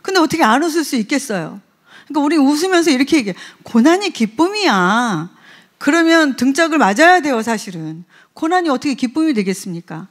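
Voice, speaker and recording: A woman preaching a sermon in a conversational way, often putting questions to the congregation. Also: high voice.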